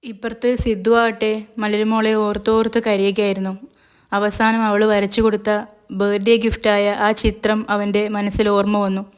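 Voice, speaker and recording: A woman narrator retelling a television serial episode in a steady, even way. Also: medium pitch, normal speed, smooth. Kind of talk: storytelling recap of a television serial.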